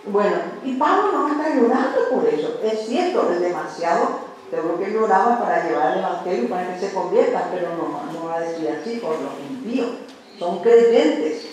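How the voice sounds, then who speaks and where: A man's voice: high voice, big pitch swings, moderate pace, darkish tone. A man preaching a sermon to his congregation in an earnest, conversational way, often repeating his words. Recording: very echoey room with faint noise.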